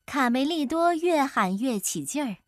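A woman narrating a children's story in an expressive, animated way. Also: high-pitched, normal speed, very noisy.

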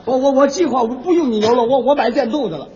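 A man's voice: very high voice, quick pace, mellow. A man performing stage crosstalk comedy as the skeptical, stammering straight man. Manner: baffled, skeptical foil with comic stammering. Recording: dull old live recording.

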